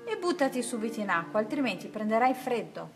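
A watchful mother crocodile from a picture book speaks steadily, gently correcting her child, read by a woman in her usual voice. Soft music plays faintly behind. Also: on the high side, big pitch swings, brisk. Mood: calm.

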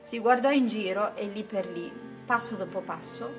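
Gentle woman reading a picture book. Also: mid-range voice, moderate pace, faint music behind. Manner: gentle, rhythmic, rhyming delivery. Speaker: storyteller. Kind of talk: children's picture-book read-aloud.

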